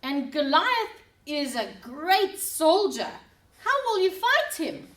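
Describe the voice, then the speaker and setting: A woman's voice: sits high, very animated, takes it slowly, fairly bright tone, voice pushed up, heavily acted. A woman voicing a doubtful old king. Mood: skeptical. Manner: skeptical, questioning. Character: doubtful older male king. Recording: roomy sound from a distant mic.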